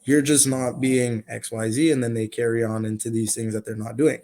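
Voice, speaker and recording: A man's voice: medium pitch, little pitch movement, a little fast, mellow. A man with a Toronto accent explaining his opinions in a casual panel discussion. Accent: Toronto Canadian.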